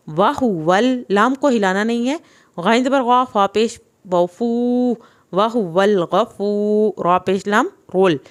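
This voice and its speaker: A young woman with a mid-range voice teaches Quran reading in a slow, spelled-out recitation lesson. She sounds out each letter and vowel mark one syllable at a time, then explains the rules.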